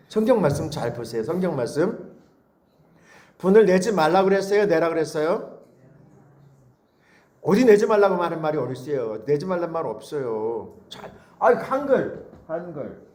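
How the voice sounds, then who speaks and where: A male pastor delivers a lively Sunday sermon, his voice sitting a little high and swinging widely up and down. He keeps pulling the congregation in with questions and repeated calls, preaching with animated energy.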